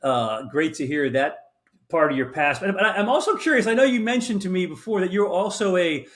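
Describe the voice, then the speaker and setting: A man hosting a podcast, his voice sitting a little higher than most men's. He talks with eager enthusiasm, leaning on "uh" fillers and restarting his sentences as he goes. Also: expressive, brisk, a bit bright. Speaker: podcast host. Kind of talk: casual interview.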